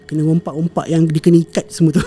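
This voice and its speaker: A man's voice: on the high side, little pitch movement, quick pace, mellow. A young man, telling a family story as a podcast guest, with many fillers and self-corrections. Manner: rambling retelling with frequent fillers and self-corrections, mixing in English words. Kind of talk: casual storytelling conversation.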